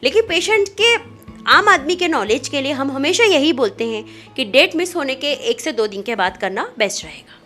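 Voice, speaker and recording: High-voiced woman gynecologist explaining. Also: normal speed, faint music behind. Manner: calm, clinical explaining with fillers. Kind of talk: medical explainer conversation.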